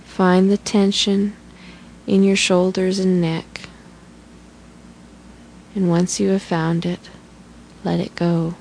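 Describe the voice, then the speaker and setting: A woman leads relaxation in a soothing, instructional manner, her slightly low, gravelly voice showing little pitch movement and a darkish tone. She moves at a very unhurried pace, with faint hiss beneath the recording.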